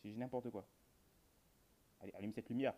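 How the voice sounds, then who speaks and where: The recording is very noisy, and the man's fairly low voice stays steady while he talks a little fast. As a video host playing a horror game, he rambles casually to his audience, using colloquial phrasing and a dry sense of humor.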